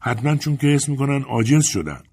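A man voicing a grieving, fiery elderly woman in an audiobook, with a husky voice and heartfelt, pleading delivery. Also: mid-range voice, lively intonation, darkish tone, pitched above the performer's own voice.

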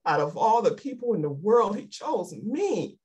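A woman's voice: mid-range voice, big pitch swings, unhurried, darkish tone, husky. A woman giving an emotional, fervent sermon over a video call, repeating her exhortations. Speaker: lay preacher.

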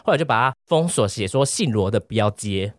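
A Taiwanese-accented man in his thirties tells an anecdote at a quick clip. His pitch leaps around as he laughs through the story. The recording is dry and close. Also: no echo. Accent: Taiwanese Mandarin. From Pingtung, Taiwan. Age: 30s. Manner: animated storyteller, laughs often. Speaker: podcast co-host. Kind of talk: casual chat, anecdote telling.

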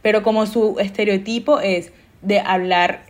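A woman's voice: mid-range voice, steady tone, a little slow. A young woman, hosting a casual podcast chat, telling stories loosely and laughing often. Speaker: podcast host.

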